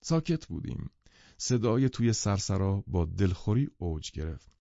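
A man narrating an audiobook in a measured, even reading. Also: sits low, creaky, no room sound, muffled recording. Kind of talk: scripted literary narration.

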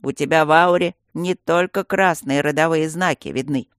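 A reader voicing a sly, gruff stone guardian who growls and coaxes by turns. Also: medium pitch, moderate pace, a bit bright, no echo, clean studio sound, close to an everyday voice. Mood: evasive. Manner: growling, fussy, coaxing.

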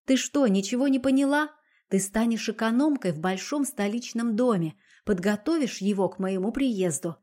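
A woman voicing a naive, childish young noblewoman in love, speaking in a higher, gushing, insistent way. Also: normal speed, warm tone, lightly acted. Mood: soothing, insistent.

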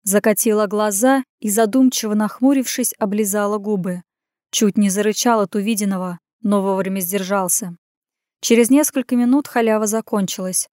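A woman reads a first-person story as an audiobook narrator, in an even storytelling manner. Her voice is of middle pitch and the recording is dry and close, with no room sound. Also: moderate pace, no echo. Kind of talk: scripted narration.

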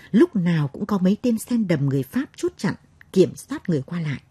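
Woman audiobook narrator, dark, husky voice, dry close mic. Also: lowish voice, no echo. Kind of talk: scripted narration of a novel.

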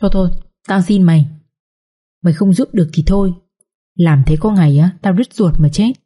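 A woman's voice: lowish voice, fairly quick, dark tone, breathy edge. A woman voicing a scheming young servant girl who whines and pleads, in a read-aloud story. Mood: defensive. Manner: whining, pleading.

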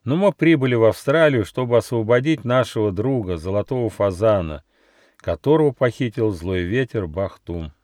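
A small, gentle gnome from a storybook, answering politely and earnestly in a soft, slightly raised voice, as a man puts him on. He sounds sincere rather than bold. The sound is close and dry. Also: on the low side, lively intonation, moderate pace, no echo, lightly acted.

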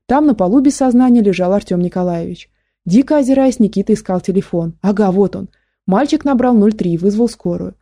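A woman narrating an audiobook in a steady storytelling manner. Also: mid-range voice, fairly quick, dry recording. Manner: steady storytelling, voices characters.

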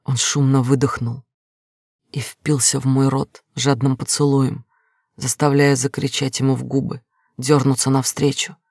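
A man's voice: mid-range voice, little pitch movement, measured pace, creaky, a little mellow, breathy edge, no echo, clean studio sound. A man narrating an audiobook in an emotional, intense reading style. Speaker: audiobook reader.

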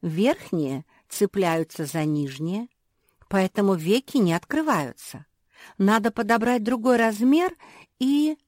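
A woman's voice: medium pitch, animated, takes it slowly, darkish tone, no room sound, studio quality, pitched above the performer's own voice. A woman voicing a clever, bossy pug sister who explains matter-of-factly and makes demands.

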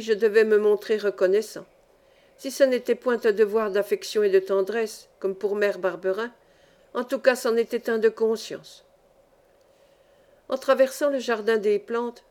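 A woman narrating a classic novel as an audiobook, in an even, clear storytelling manner. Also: mid-range voice.

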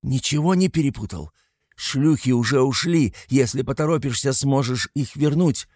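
A man voicing a furious young woman who shouts at her partner in a storybook reading. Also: normal speed, dry recording, studio quality, lightly acted. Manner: shrill, shouting.

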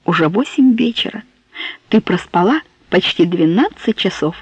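A gentle young man, as a woman reads him. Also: lowish voice, lively intonation, normal speed, husky, dry recording. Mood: tender. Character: calm, tender young Italian man, a lecturer. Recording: dull, dry close recording.

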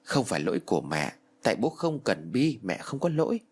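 A man's voice: lowish voice, very animated, brisk, slightly rough, exaggerated voice. A man voicing the ghost of a small girl who is clingy, stubborn and tearful in a spoken ghost story. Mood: sulky. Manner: childish, pleading and stubborn.

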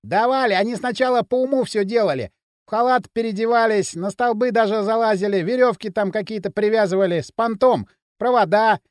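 A man voicing an excitable young lad telling a story in a lively rush. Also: sits high, a little fast, dry recording, studio quality, pitched above the performer's own voice, natural voice. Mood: animated.

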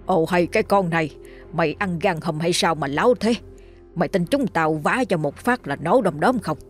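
A woman's voice: fairly low pitch, normal speed, soft background music, lightly acted. A woman narrator voicing a stern elderly clan head who barks orders and scolds. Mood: bossy. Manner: commanding, scolding.

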